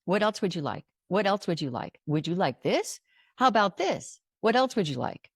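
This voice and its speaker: A woman's voice: mid-range voice, very animated, normal speed, breathy edge, no room sound, studio quality. A woman putting on a cheerful drive-thru speaker voice. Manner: cheerful, agreeable, repetitive.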